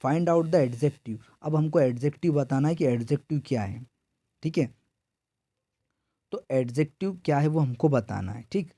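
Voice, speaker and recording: A man's voice: on the high side, expressive, moderate pace, pauses often, dark tone, no room sound. Dry, close Indian man teaching exam grammar. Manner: repetitive call-and-response questioning. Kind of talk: exam prep lesson.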